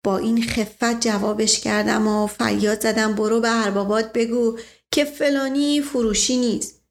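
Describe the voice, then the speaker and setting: A woman voicing a proud, excitable older man who heads the family and speaks formally. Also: on the high side, close to an everyday voice. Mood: defiant. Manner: pompous, formal.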